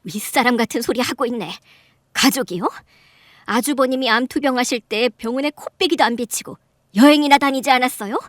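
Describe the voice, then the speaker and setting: A middle-aged mother, voiced by a woman telling her story in a radio drama, measured and then firm and sharp. Her voice sits high and clear. The sound is dry and close-miked. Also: no echo, lightly acted. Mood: angry. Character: middle-aged mother, calm narrator who snaps in anger. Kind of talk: Korean radio drama narration.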